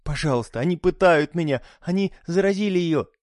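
A man's voice: fairly high pitch, animated, fairly quick, darkish tone, no echo, studio quality, pitched above the performer's own voice, lightly acted. A man voicing a frightened, desperate young mother in an audiobook, pleading in a weak voice. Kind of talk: audiobook character voice.

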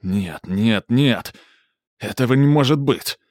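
A man voicing a desperate young woman who cries out loudly. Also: mid-range voice, expressive, slow, dry recording, clean studio sound. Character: desperate young woman searching for her daughter.

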